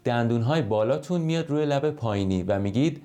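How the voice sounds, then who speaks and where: A man's voice: medium pitch, animated, warm tone. A man teaching English in an explanatory lesson, modeling English words and sounds as he explains.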